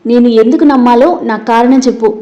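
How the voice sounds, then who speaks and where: A woman's voice: on the high side, fairly quick, mellow, lightly acted. A woman voicing a stern, commanding rich young man who gives cold, curt orders, on a dull lo-fi recording.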